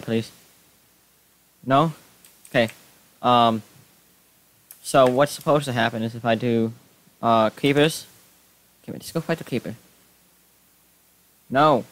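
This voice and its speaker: Young guy narrating his game, mid-pitched voice, gets jumpy and yells when stuff attacks him. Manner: excitable, yelps and shouts when startled. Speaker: Minecraft YouTuber. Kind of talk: casual gameplay commentary.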